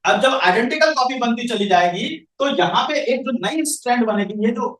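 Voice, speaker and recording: This male science teacher has an extremely high, expressive, slightly bright voice and talks fairly quickly. Lecturing his classroom, he quizzes students and answers his own questions, recorded from a distance in an echoey room.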